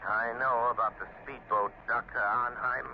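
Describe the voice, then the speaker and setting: An actor playing The Shadow, a calm, mocking invisible crime-fighter, in a vintage radio drama. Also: male voice, close to an everyday voice. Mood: cool. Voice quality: cool, measured, low and unhurried. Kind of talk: 1930s radio drama acting. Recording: tinny old radio recording, hiss.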